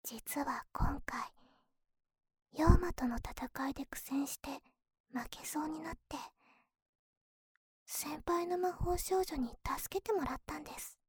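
A woman's voice: high voice, darkish tone, no echo, studio quality. A woman playing a young, devoted magical-girl little sister in an intimate ASMR role-play, speaking right in the listener's ear. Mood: intimate, confiding.

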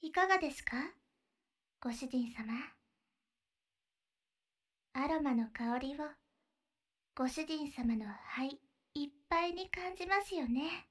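A woman voicing a sweet, attentive young maid in an ASMR roleplay, speaking with polite honorifics and gently guiding her master. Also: high-pitched, animated, slow, pauses often, full character voice. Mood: soft, soothing. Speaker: maid café maid.

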